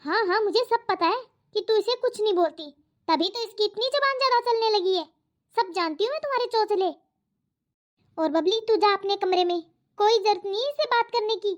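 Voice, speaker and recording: A woman's voice: very high-pitched, normal speed. A woman voicing a nagging, harsh middle-aged mother-in-law in a cartoon, talking in a taunting, scolding way. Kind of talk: cartoon voice acting. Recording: dull lo-fi audio.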